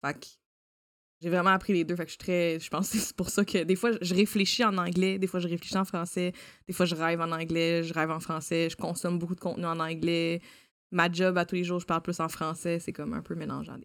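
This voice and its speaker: Animated bilingual woman, Quebec French accent. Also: fairly low pitch, brisk, dry recording, clean studio sound. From Ontario. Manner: animated, mixing in English words. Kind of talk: casual conversation.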